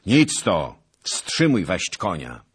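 Man reading, doing a short calm knight, clipped firm orders, deep husky voice. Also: normal speed, exaggerated voice. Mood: urgent commands. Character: small, steady male knight, terse and calm.

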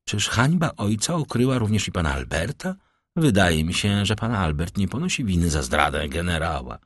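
A man reading an audiobook, voicing a timid, gentle young woman who speaks shyly and softly in a husky voice. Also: low voice, big pitch swings, normal speed, no echo, clean studio sound, full character voice. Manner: shy, soft-spoken.

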